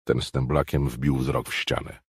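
A man reading a thriller audiobook in an expressive, dramatic way. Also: rumbling low, normal speed, slightly rough, no echo, studio quality. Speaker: audiobook narrator. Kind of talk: scripted narration.

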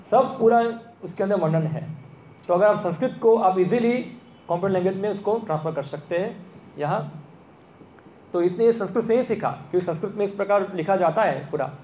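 A man's voice: high-pitched, darkish tone, slight background noise. A man giving a conversational lecture and asking the audience questions. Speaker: speaker giving a talk. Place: temple hall. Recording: echoey room with faint ambience.

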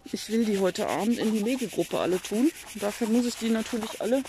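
A woman's voice: mid-range voice, quick pace, noisy background. A woman keeping chickens, calling them in with coaxing sing-song calls and muttering asides to herself outdoors by the run. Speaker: hobby chicken keeper. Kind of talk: casual running commentary.

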